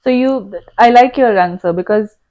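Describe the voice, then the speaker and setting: A woman hosting a podcast, gently asking her father open questions and nodding along with soft affirmations. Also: a little high, moderate pace. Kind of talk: conversational interview.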